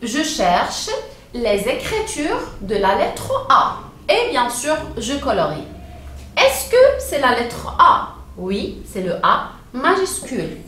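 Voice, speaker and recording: A woman teaching young children to read, sounding out syllables slowly and with exaggerated care. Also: on the high side, wildly swooping pitch, a bit bright, far from the mic. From Morocco. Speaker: primary school teacher. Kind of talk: children's reading lesson. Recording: very echoey room with faint ambient noise.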